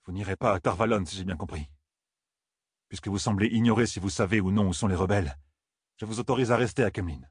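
A man's voice: fairly low pitch, fast talker, breathy edge, no echo, clean studio sound. A man voicing a stern, burdened young man in an audiobook, speaking in a commanding, clipped way. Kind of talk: audiobook character voice.

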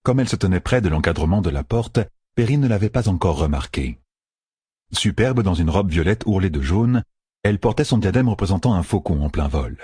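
A man reading an audiobook in steady, even scripted narration. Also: low voice, husky, dry recording, clean studio sound.

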